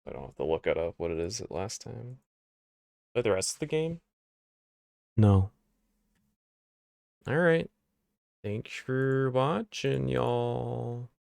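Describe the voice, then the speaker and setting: A male game streamer talking casually in a creaky voice. He speaks slowly and informally, with lively swings of pitch, sounding dry and close. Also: no room sound. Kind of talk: casual live gameplay commentary.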